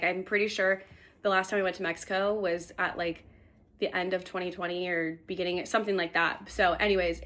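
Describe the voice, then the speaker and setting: A young woman vlogs casually to camera from home, chatty and upbeat. Her medium-pitched voice sounds pushed and bright, and a cold makes it a bit nasal.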